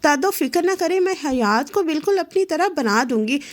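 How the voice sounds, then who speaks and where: Woman reading teasing young sister-in-law in a storybook romance, lively, high voice.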